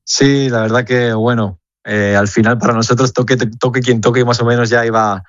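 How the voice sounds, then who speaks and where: A young man from Spain, a footballer, answering questions earnestly over the phone, halting and repeating words as he searches. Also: mid-range voice, steady tone, no echo, muffled recording. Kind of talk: phone interview.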